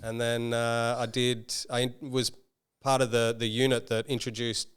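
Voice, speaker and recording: A man's voice: medium pitch, moderate pace, clean tone. A man of about forty with an Australian accent, a startup founder and former army officer, talking casually as a podcast guest and laughing easily. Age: around 40. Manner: relaxed and chatty, laughs often.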